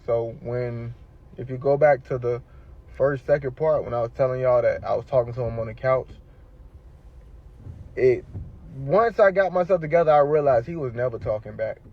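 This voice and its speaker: A man's voice: medium pitch, normal speed. A young man recounts his story in a loose, casual way. He slips into the voices of other people as he quotes them. The clip sounds a little dull and lo-fi. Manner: loose, conversational retelling with quoted dialogue. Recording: slightly dull lo-fi clip audio.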